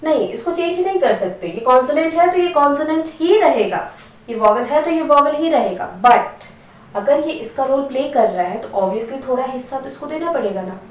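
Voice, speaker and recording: A woman's voice: sits high, lively intonation, normal speed, far from the mic. A woman teaching English grammar, patiently repeating words and asking learners questions as she goes. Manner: asks rhetorical questions. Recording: echoey room, voice from off the mic, faint noise.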